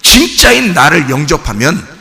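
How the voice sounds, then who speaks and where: A male pastor preaching a sermon, dropping to hushed low talk and then shouting for emphasis while asking the congregation questions. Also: big pitch swings, normal speed, creaky, in a large hall.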